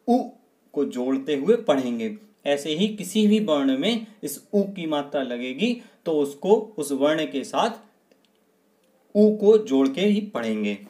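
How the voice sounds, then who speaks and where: A man teaching young children to read, sounding out syllables one by one and then calling out each answer higher and louder. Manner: slow, clearly sounds out each syllable, then raises pitch and volume for the answer. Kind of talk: children's Hindi lesson.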